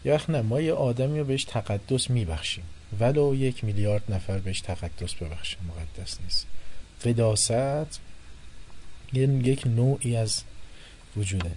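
A man giving a religious philosophy lecture to a class, animated, moving between soft and loud and acting out the people he quotes. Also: medium pitch, a little hiss or hum. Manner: animated, shifting loudness, quotes and acts out people.

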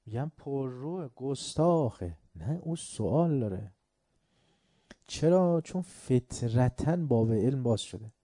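Very dark-voiced man giving an emphatic religious lecture. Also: medium pitch, dry recording, studio quality. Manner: emphatic, repeats word lists, asks rhetorical questions; tells folk anecdotes, acting out the characters.

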